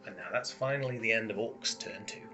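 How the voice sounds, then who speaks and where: A man's voice: lowish voice, a little fast, bright, forceful tone, soft background music. A man playing a tabletop wargame, chatting casually and checking the rules aloud. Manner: checks rules aloud, playfully builds suspense. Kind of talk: casual chat over a tabletop game.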